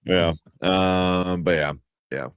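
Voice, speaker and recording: A man's voice: low voice, steady tone, slow pace, clean tone, no room sound, studio quality. A man hosting a casual live chat show, laughing often and rambling loosely between topics. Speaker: podcast host.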